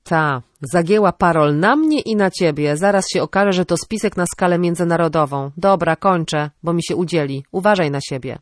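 A woman's voice: fairly low pitch, lively intonation, normal speed, few pauses, no echo, clean studio sound, lightly acted. A woman voicing an exasperated, scolding older cousin. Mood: weary. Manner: scolding, sarcastic.

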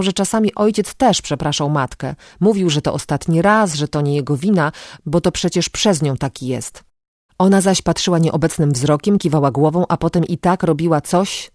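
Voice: mid-range voice, a little mellow, no room sound. Dry-voiced audiobook narrator. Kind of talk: scripted narration of a novel.

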